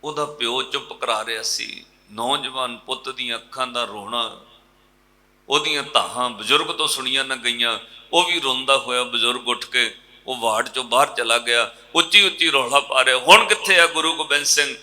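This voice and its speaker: A man's voice: mid-range voice, normal speed, bright, forceful tone. A man with a Punjabi accent, preaching a katha sermon and telling a story dramatically, acting out the characters with emotional outbursts.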